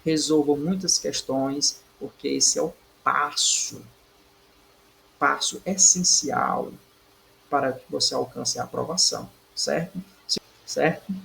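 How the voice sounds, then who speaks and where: A man's voice: medium pitch, slow, creaky, slight background noise, low-quality recording. A man teaching Portuguese, working through exam questions in a didactic way, checking in with "certo?" and punching out stressed syllables. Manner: stresses syllables by saying them louder.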